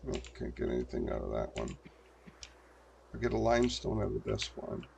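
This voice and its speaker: An older man talks through a survival game in a deep, heavily gravelly voice that rises and falls a lot. He mutters to himself between actions, speaking into a desk mic with faint clicks and game sounds behind. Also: big pitch swings, moderate pace, darkish tone, slight background noise. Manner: muttering to himself while playing. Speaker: gameplay streamer. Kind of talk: casual gameplay commentary.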